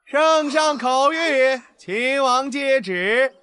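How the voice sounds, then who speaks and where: Brief: a high, bright-voiced palace herald, formal and drawn out. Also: male voice, expressive, extremely slow, exaggerated voice. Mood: proclaiming.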